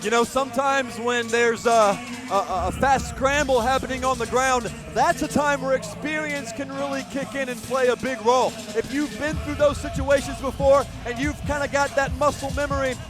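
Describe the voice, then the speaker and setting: A man doing live fight commentary, explaining the action in a relaxed way. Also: very high voice, normal speed, few pauses, over music.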